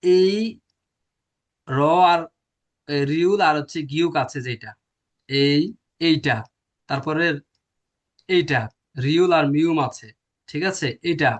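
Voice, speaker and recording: Male teacher, a bit high-pitched, quizzes the class and answers himself. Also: takes it slowly, long pauses. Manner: explains step by step, asks and answers his own questions. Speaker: language teacher. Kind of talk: classroom lecture.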